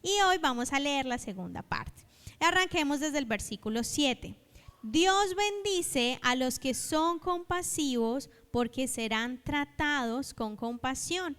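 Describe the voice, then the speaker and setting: A Colombian woman preacher with a high, slightly bright voice and lively intonation delivers a slow-paced sermon in a church hall. She tells a parable as a story, acting out its dialogue, and calls on the congregation to repeat after her. The recording carries the church's hall reverb.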